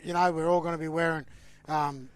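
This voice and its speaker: A man's voice: fairly high pitch, fairly even intonation, a little fast, clear, resonant tone, dry recording. An Australian man hosting a casual sports podcast, announcing news with upbeat emphasis. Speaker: podcast host.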